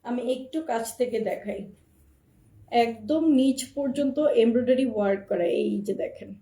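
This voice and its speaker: A woman with a cold and a hoarse voice, showing dresses on a live stream in a chatty, repetitive way and speaking straight to her viewers. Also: on the high side, normal speed, warm tone. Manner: chatty, addresses viewers directly, repeats herself. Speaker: online clothing seller. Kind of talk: live-stream product showcase. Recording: roomy echo, voice far from the mic.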